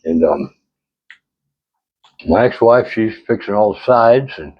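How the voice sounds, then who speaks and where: A man's voice: fairly low pitch, animated, takes it slowly, dull audio. An older retired man vlogging in a casual, rambling way, telling folksy stories with chuckles and repeated phrases.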